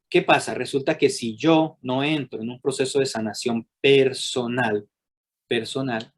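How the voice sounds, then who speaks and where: Man, psychologist, workshop teaching, animated, rhetorical questions, average pitch. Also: slightly rough. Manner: acts out quoted people with raised voice.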